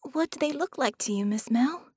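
Lady reading as a small earnest girl, high and eager, dry close sound. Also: lively intonation, normal speed, darkish tone, slightly rough, no echo, exaggerated voice. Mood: excited. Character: bright eager little girl.

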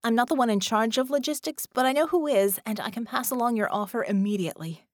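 A woman narrator voicing an earnest, practical young heroine with metal skin who talks briskly and in a businesslike way, in an audiobook. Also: a little high, dry recording, studio quality, pitched above the performer's own voice, natural voice. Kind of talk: audiobook character voice.

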